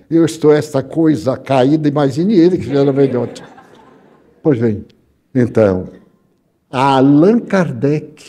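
An older man with a Brazilian Portuguese accent giving an animated storytelling lecture as a spiritist speaker. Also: mid-range voice. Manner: animated, acts out dialogue with lively voice shifts.

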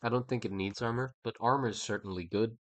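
This young artist talks fast in a mid-range, somewhat bright voice that's stuffy and slightly nasal, captured in a dry recording. Drawing a creature design on a livestream, he thinks aloud casually, rambling and starting over.

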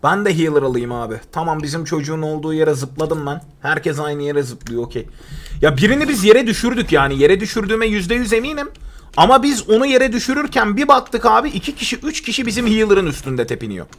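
A young man with a fairly high voice gives live commentary while he plays, rambling to his viewers and teammates. He jokes around and bursts out loudly when something surprises him. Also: fairly quick. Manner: chatty, joking, excitable outbursts. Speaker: gaming streamer.

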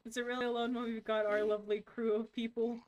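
A woman streamer in a laid-back, unhurried casual chat with friends over a voice call while gaming. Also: on the high side, flat delivery, darkish tone.

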